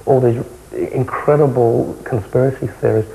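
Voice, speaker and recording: A young man with a South London accent, answering interview questions in a matter-of-fact, halting way. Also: mid-range voice, steady tone, creaky, mellow, rough recording. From South London, England. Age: young adult. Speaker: interviewee, former far-right insider. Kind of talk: candid television interview. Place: indoor television interview, close camera.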